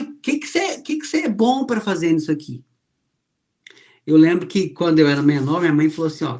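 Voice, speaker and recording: A man preaches in a warm, anecdotal style. He slows down for his key points and raises his voice when he acts out the people in his stories. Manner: storytelling, acts out quoted voices with rising pitch. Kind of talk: sermon.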